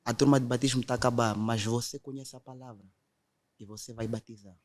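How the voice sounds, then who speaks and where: A man's voice: mid-range voice, fairly even intonation, a little fast. A young man, earnestly telling his conversion testimony in a podcast conversation. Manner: earnest storytelling, quotes others directly.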